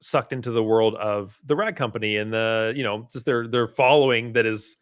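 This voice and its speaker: A man, a podcast guest who details cars part time, talking in a relaxed, rambling way with lots of "you know" and "um". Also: fairly low pitch, moderate pace, clean tone, no echo, studio quality. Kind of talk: casual conversation.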